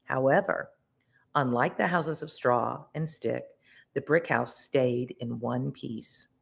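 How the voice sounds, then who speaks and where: This read-along storyteller delivers a children's tale expressively and deliberately, stopping now and then to explain words simply, the way a tutor would. The voice sits at medium pitch and has a creaky quality.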